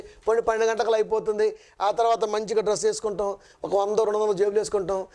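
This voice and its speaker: A man preaching a sermon, firing rhetorical questions at his listeners and reading scripture slowly, his voice leaping between high and low. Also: a little mellow. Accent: Telugu. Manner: sudden jumps between high and low pitch; slow measured scripture reading. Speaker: preacher, Bible college director. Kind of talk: Telugu sermon.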